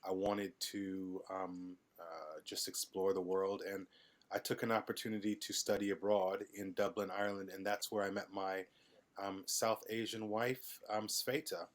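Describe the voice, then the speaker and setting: Middle-aged man guest, low monotone, relaxed and hesitant delivery. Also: normal speed. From United States, Midwest. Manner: relaxed, hesitant with many ums. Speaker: podcast guest. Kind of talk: casual interview conversation.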